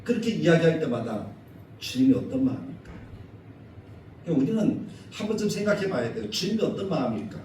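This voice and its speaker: A male pastor delivering a Sunday sermon in a church, animated, acting out quoted scolding in a raised voice. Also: fairly high pitch, a little fast, a little hiss or hum. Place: church sanctuary. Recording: echoey church hall, mic at a distance.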